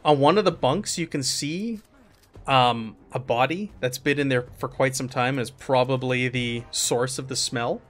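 A man's voice: mid-range voice, moderate pace. A man running a tabletop game as game master, narrating casually with lots of fillers and laughs. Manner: relaxed, filler-heavy, laughs often.

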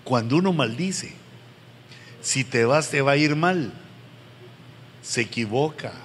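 A middle-aged man preaching to pastors, earnest and pleading, with sudden loud emphatic rises. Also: medium pitch, lively intonation, takes it slowly. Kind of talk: sermon to pastors. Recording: long hall reverb, faint background noise.

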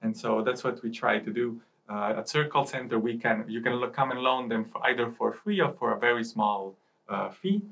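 A man's voice: medium pitch, normal speed, creaky, a bit bright. A young man from Italy, a student guest in a studio, explaining things with many hesitations and restarts. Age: young adult. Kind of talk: casual interview talk.

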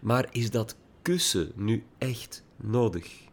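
A man reading an audiobook and voicing a spirited, wry teenage girl who teases quickly and brightly. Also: fairly low pitch, pitched above the performer's own voice. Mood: wistful. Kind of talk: audiobook character voice.

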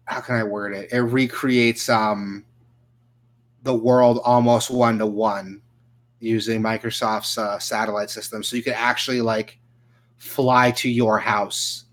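A man's voice: fairly low pitch, little pitch movement, measured pace, fairly bright tone. A man co-hosting a casual gaming podcast, talking through game trailers with loose, swearing chatter and lots of fillers. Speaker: podcast co-host. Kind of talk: casual gaming news chat.

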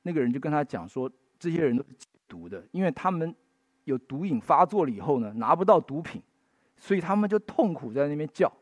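A man's voice: on the high side, sing-song, brisk, no room sound. A man preaching a sermon in Mandarin, telling stories with folksy tag particles and rising to emphatic bursts. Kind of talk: sermon with storytelling.

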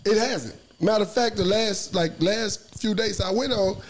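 A man's voice: sits high, normal speed, a little hiss or hum. A man, chatting casually in a group talk and telling a story animatedly while acting out what people said. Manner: animated storyteller, acts out quotes. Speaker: podcast co-host.

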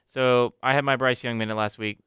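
A man's voice: medium pitch, fairly even intonation, brisk, pushed and bright, clean tone, dry recording. A young man hosting a college radio sports talk show in a studio, laid-back as he runs the segments and signs off. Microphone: studio microphone.

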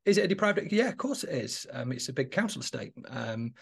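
A man's voice: mid-range voice, sing-song, a little fast, gravelly, breathy edge. A man in his forties from Manchester with a Manchester accent, a podcast guest chatting casually and calling the host mate. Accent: Manchester English. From Manchester, England. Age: 40s. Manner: conversational, frequent restarts, calls the host mate. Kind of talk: casual chat.

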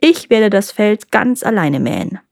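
A woman's voice: medium pitch, sing-song, a little slow, vocal fry, a little mellow, no echo, clean studio sound, heavily acted. A woman voicing a lazy, greedy peasant husband who whines and pleads in a storybook reading. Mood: sly. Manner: whining, pleading.

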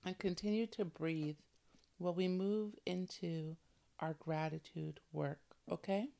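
A woman hosting guided breathing in a soothing, intimate coaching manner, her soft voice often dropping toward a breathy near-whisper. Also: on the low side, steady tone, unhurried. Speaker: host of a wellness show. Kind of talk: guided breathing and relaxation talk.

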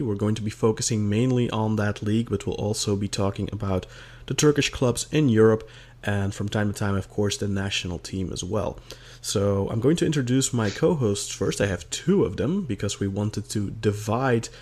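A man's voice: medium pitch, a little mellow, breathy edge. A man of thirty from Belgium, hosting a football podcast in an upbeat, organized way. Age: 30s. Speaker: podcast host. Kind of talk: casual chat.

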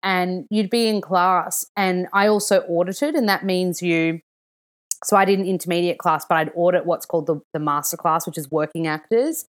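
A young woman talks on a podcast, sitting slightly low in pitch for a woman. She tells stories with animated enthusiasm and a casual, rushing energy. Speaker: actor and podcast guest. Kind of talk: casual chat.

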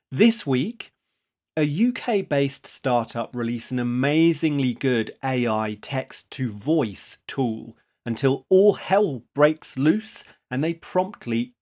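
A man hosts a podcast, reading his prepared script in a measured, explanatory way. His voice sits at a middling pitch for a man. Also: a little mellow. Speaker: podcast host.

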